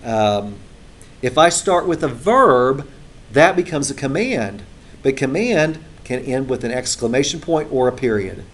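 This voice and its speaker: A man's voice: mid-range voice, very animated, a little slow, a bit bright. A male instructor giving a classroom lecture in a conversational way, with frequent filler sounds, recorded in a classroom.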